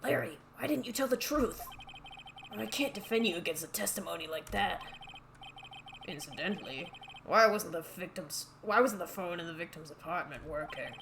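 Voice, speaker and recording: A woman's voice: fairly low pitch, lively intonation, normal speed, gravelly, noisy background. A woman voicing a worried young male defense lawyer in a video game, muttering his doubts uneasily.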